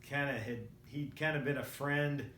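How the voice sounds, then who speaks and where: A man in his sixties telling personal stories in a casual, rambling and reflective way, often halting mid-thought. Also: mid-range voice, fairly even intonation, a bit bright. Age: 60s. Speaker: vlogger. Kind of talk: casual personal storytelling to camera. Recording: roomy echo, faint background noise.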